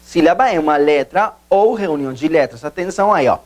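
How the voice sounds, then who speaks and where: Guy teaching a video lesson, kinda high voice, bouncy, goes slow and repeats stuff. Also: expressive, a little mellow. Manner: slow, repetitive, emphatic teacher's explanations. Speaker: Portuguese teacher.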